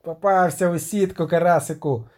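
A man shouting as a rowdy militia ringleader. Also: a little high, normal speed, natural voice. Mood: bellowing. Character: rowdy male militia ringleader yelling orders.

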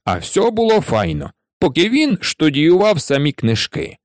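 A man's voice: on the high side, wildly swooping pitch, normal speed, no room sound, studio quality, voice pushed up. A man doing a hearty giant. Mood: friendly. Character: big warm male giant, folksy dialect.

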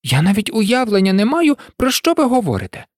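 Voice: medium pitch, wildly swooping pitch, brisk, no room sound, clean studio sound, pitched above the performer's own voice. A reader voicing a bewildered, polite little girl in a storybook recording, earnest and a little unsure. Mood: protesting. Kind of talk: audiobook reading.

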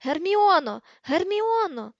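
A woman reading an audiobook, voicing a teenage boy who shouts desperately. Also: high voice, fast, no room sound, lo-fi sound, pitched above the performer's own voice. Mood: frantic. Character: frantic teenage boy wizard.

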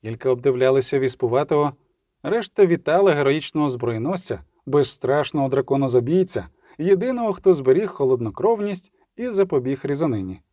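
Man with a warm, mellow reading voice. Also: medium pitch, animated, brisk, no room sound, clean studio sound. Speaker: audiobook narrator. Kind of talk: scripted storybook narration.

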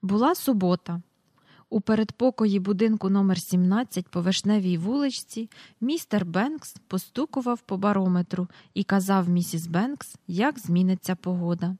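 A woman reads a children's storybook aloud in an even storytelling manner. Her voice sits at a medium pitch. The recording is close and dry, with no room echo. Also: normal speed. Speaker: audiobook narrator. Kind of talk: scripted narration.

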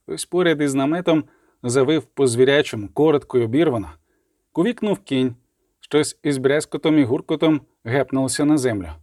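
A man narrating a storybook with a measured, dramatic reading. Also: medium pitch, a little mellow, dry recording, clean studio sound. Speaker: audiobook narrator. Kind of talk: scripted audiobook narration.

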